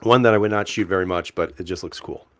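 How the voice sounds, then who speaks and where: A man's voice: sits low, quick pace. A man hosting a casual livestream, reading viewer comments aloud and answering them in a laid-back, chuckling way with many fillers and restarts. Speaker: livestream host reading chat. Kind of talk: casual live-chat talk.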